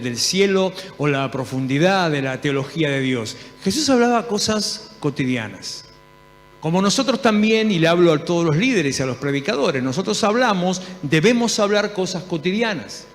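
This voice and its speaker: A man with an Argentine accent preaching a sermon in a church, telling stories lively and acting out the dialogue. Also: a little high, slight background noise. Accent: Argentine Spanish. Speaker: pastor. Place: church hall. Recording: long hall reverb.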